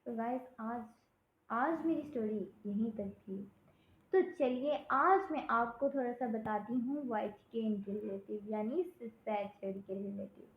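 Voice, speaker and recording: A young woman tells a personal story in a gentle, careful way, her voice sitting a little high for a woman. The sound is narrow and phone-like, with a noticeable echo around it. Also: slight background noise. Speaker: storyteller vlogger.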